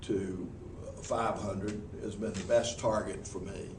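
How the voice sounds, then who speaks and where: A professional speaker with a Southern US accent answers interview questions before a group in a meeting room, his fairly low voice moving little in pitch and his pace slow. He sounds folksy and earnest, with frequent restarts. The recording is echoey and noisy, the mic far off.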